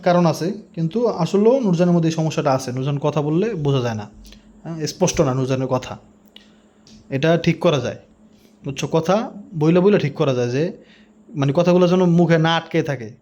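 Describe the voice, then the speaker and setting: A man's voice: a little high, fairly quick, pauses often, darkish tone, lo-fi sound. A man and father chatting in a casual family vlog at home, speaking patiently into a phone held close to his mouth and explaining things at length. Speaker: vlogger and father. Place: at home indoors. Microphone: phone held in front of mouth.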